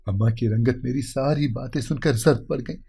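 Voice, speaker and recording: A man's voice: mid-range voice, vocal fry, warm tone, husky. A man narrating an emotional moral story in an earnest, heartfelt reading.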